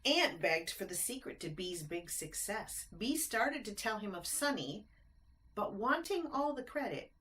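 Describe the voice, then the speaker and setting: Reading a rhyming picture book to kids, a woman with a medium-pitched voice performs expressively, stopping for chatty asides and asking the children simple questions.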